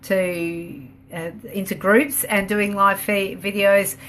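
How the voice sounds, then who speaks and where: A woman talks casually on a live video from her home, answering viewer comments as they come in. Her delivery is chatty and a little rambling, upbeat and quick to laugh. Her voice sits at a medium pitch, with a faint hum of room ambience behind her. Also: level tone, a bit bright. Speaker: home business owner hosting a live video. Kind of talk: casual live-stream chat.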